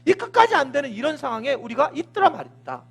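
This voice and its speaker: A man preaching a sermon as pastor, telling the story with animated, acted-out scenes. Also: very high-pitched, fast talker, gravelly.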